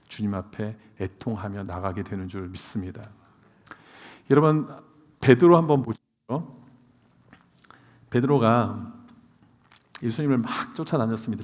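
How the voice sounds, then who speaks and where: A man's voice: mid-range voice, darkish tone. A male pastor preaching a sermon, addressing the congregation with frequent rhetorical questions. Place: church sanctuary. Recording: long reverb of a church hall.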